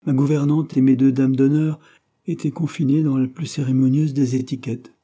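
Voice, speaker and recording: A man reading a lovesick young prince's lines aloud in a fervent, declamatory way, raised and louder than his narration. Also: mid-range voice, level tone, moderate pace, voice pushed up, natural voice.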